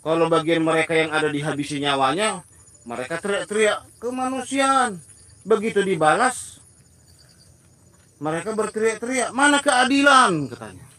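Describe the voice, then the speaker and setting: A man's voice: a little high, expressive, normal speed, pauses often, a bit bright, dry recording. A male evangelist giving emphatic preaching commentary, often turning to his listeners as brothers and acting out mocking dialogues.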